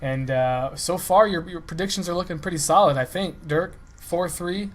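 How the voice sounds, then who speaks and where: A man's voice: fairly high pitch, moderate pace. A man hosting a gaming stream, casually chatting and making friendly, upbeat appeals to viewers to share the stream. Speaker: stream host.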